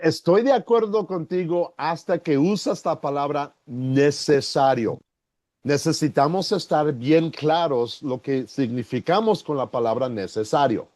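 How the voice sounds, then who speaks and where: A man who is a pastor, teaching an online Bible class slowly and deliberately, acting out little examples as he goes. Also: no room sound. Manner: slow, deliberate teaching with lively pitch and acted-out examples.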